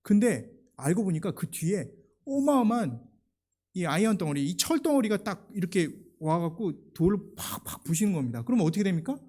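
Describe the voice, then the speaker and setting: A man's voice: high-pitched, very animated, fairly quick, warm tone. A male pastor giving a sermon, telling stories in a conversational way and building to emphatic preaching. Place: church sanctuary.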